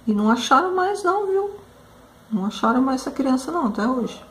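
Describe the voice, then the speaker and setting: A woman tells a story while she paints a craft tutorial, in a fairly high voice. She is emotional and full of exclamations, and she keeps turning to her viewers. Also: sing-song, a little fast. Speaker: craft painter and channel host.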